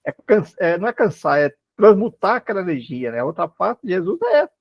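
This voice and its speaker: A Brazilian man leads the group in a quick, lively voice that swings up and down as he hammers home his point. His voice is a bit husky, and the recording sounds dull and lo-fi. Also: high voice, no room sound. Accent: Brazilian Portuguese. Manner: animated, emphatic, repeating key phrases. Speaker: study group leader. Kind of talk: casual group discussion.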